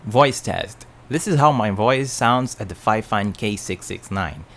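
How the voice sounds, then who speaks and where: A man's voice: fairly low pitch, lively intonation, measured pace, fairly bright tone. A man giving a plain, explanatory product review at his home work desk, speaking into a desk mic on an arm. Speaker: tech reviewer.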